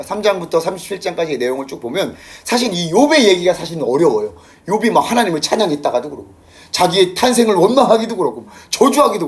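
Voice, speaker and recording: A male pastor preaches in a casual, talky way and keeps turning to his congregation with questions. His voice sits high for a man and rises and falls a great deal. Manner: conversational, asks the congregation questions. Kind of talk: sermon.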